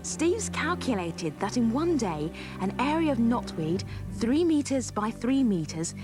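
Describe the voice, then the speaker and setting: A woman's voice: fairly high pitch, very animated, slow pace. A woman narrator reading a scripted science programme for children. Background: music.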